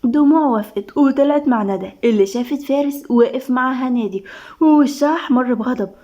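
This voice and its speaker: An Egyptian woman reads a romance story aloud at a rapid clip. Her voice sits a little high, and her delivery stays brisk and matter-of-fact. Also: dark tone. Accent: Egyptian Arabic.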